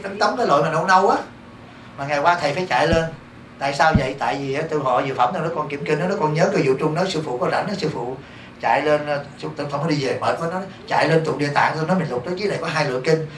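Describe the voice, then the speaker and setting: Fast, high-voiced Southern Vietnamese monk. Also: male voice. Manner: lively, keeps asking the audience rhetorical questions. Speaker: Buddhist monk teacher. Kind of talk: dharma talk to a congregation. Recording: echoey room, distant mic, faint hiss.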